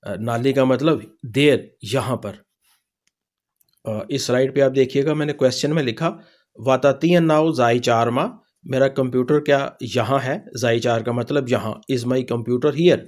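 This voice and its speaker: A man with a Pakistani Urdu accent teaching a language lesson, explaining slowly with many pauses and repeating each word. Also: medium pitch, darkish tone.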